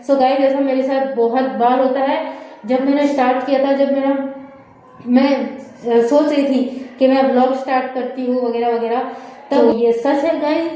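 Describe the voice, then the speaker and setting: Young woman, unwell vlogger, high mellow voice, rambling soft chat into a handheld phone in a very echoey room. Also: fairly even intonation, normal speed, a little hiss or hum. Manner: soft-spoken, rambling, many fillers. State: unwell, low energy. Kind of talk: casual vlog chat. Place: room upstairs at home. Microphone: phone held in hand.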